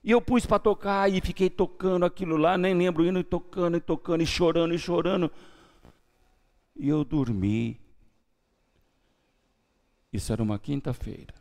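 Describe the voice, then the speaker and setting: Pastor contando testemunho com voz animada. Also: male voice, fairly high pitch, normal speed, long pauses. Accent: Brazilian Portuguese. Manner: storytelling with lively swings between hushed and loud. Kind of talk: sermon testimony. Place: church.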